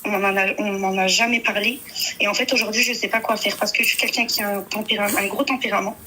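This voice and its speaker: A woman's voice: medium pitch, steady tone, quick pace, sharp tone, low-quality recording. Shaken young woman calling in. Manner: shaken, hesitant, many fillers. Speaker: caller. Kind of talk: phone-in confession. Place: radio call-in show.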